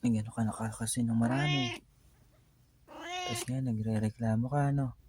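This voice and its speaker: A man chatting casually to his pet cat, teasing and coaxing her in a soft, low-key way. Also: fairly even intonation, normal speed, background noise.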